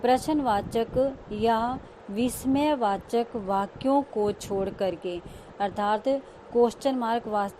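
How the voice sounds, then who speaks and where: Slow-paced woman teacher explaining grammar. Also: a little high, warm tone, a little hiss or hum. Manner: slow, explains each term and repeats it. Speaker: school teacher. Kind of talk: online grammar lesson.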